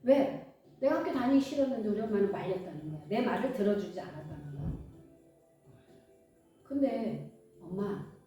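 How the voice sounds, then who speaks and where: A middle-aged woman pastor preaching in a lively, conversational way, acting out short bits of dialogue, recorded from a distance in a church hall with faint music behind her. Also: medium pitch, normal speed, long pauses. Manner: conversational, animated, acts out dialogue. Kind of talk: sermon. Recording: echoey hall, far from mic, faint music.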